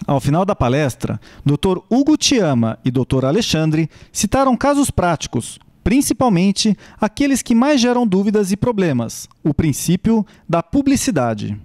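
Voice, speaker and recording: Man, news voice-over, high and lively pitch, scripted narration. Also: moderate pace, few pauses.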